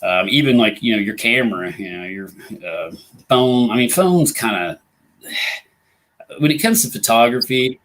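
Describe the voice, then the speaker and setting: The audio is poor as a Midwestern American man hosts a casual live ghost hunting talk show, rambling and saying "you know" often. His medium-pitched voice is animated, a bit bright and measured, recovering along with him from a recent illness.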